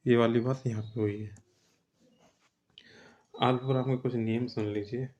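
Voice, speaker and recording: A man's voice: medium pitch, little pitch movement, normal speed, darkish tone, highs cut off. A man teaching an exam-prep grammar lesson, explaining step by step and often checking with "theek hai".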